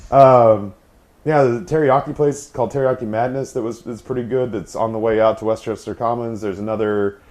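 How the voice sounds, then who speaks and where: A man's voice: medium pitch, fairly even intonation, a little fast, a little mellow. A middle-aged man chatting casually as a streamer, with a wry, playful, teasing manner and lots of joking. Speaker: streamer hosting a charity subathon.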